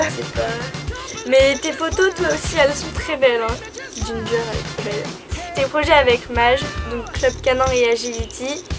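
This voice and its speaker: A young woman from France with a high, light voice reads out viewer questions and answers them casually. She talks in a chatty, hesitant way, and music plays clearly underneath. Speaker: dog-owner vlogger answering viewer questions. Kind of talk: casual FAQ chat. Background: background music.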